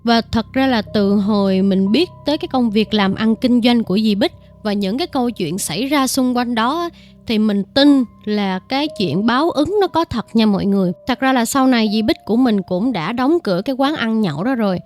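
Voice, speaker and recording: A woman's voice: a little high, lively intonation, brisk, a little mellow, soft background music. A woman, telling a ghost story in a chatty, conversational way. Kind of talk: casual ghost-story narration.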